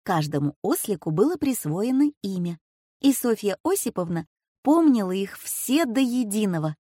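A woman narrating a storybook audiobook in an even, measured telling. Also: mid-range voice, husky, no echo, studio quality.

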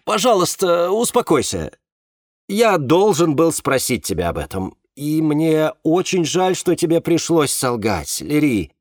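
A man reading an audiobook, voicing a tense man who keeps trying to calm others down. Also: a little high, measured pace, dry recording, clean studio sound, voice pushed up. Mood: placating. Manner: soothing, persuasive, tense. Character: calm, placating man trying to control the group.

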